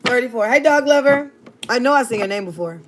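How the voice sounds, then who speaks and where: With slight background noise around her, a Virginia woman in her thirties livestreams, teasing her chat in a sassy, playful way. Her voice is on the high side, fairly bright, with lively intonation and a slightly fast pace.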